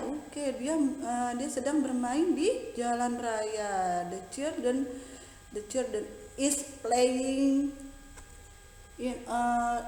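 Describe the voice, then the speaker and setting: A woman teaching English with an Indonesian accent, explaining patiently and slowly in a mix of English and Indonesian. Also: fairly high pitch, a little mellow, reverberant, in a large hall, slight background noise, poor audio. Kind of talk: bilingual classroom lesson.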